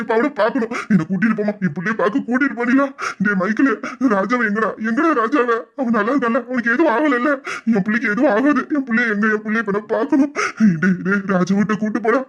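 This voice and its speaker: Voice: mid-range voice, fast, few pauses, fairly bright tone, highs cut off, lightly acted. A voice actor playing an older father who pleads over and over to see his son. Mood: frantic. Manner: pleading, repeating questions. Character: older man, a frantic worried father.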